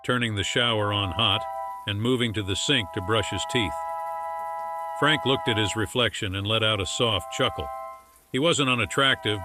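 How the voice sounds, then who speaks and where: Brief: male audiobook narrator, low voice, steady storytelling, music bed. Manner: measured storytelling delivery. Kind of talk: scripted narration.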